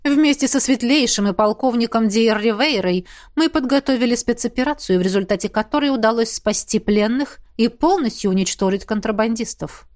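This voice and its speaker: A woman's voice: a little high, a little fast, hardly any pauses, a little mellow, lightly acted. A woman voicing an evasive, composed male fairy officer.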